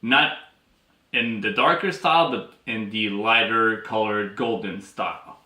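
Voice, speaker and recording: A man co-hosting a casual beer chat, explaining in a relaxed, chatty way. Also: fairly low pitch, measured pace. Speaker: co-host of a beer show. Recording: echoey room.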